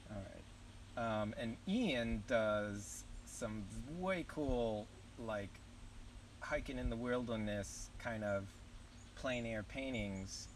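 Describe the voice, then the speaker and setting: A man's voice: medium pitch, very slow, pauses often, recorded from a distance, slight background noise, low-quality recording. A young man with a Southern US accent, chatting loosely while streaming live, rambling and swearing casually. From southern United States. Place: outdoors at a campground.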